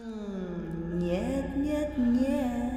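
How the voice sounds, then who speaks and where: A woman's voice: fairly high pitch, lively intonation, extremely slow, dark tone, very echoey, big-room sound, soft background music. A woman voicing a cold villain, silky and taunting. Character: cold Russian villain savoring cruelty.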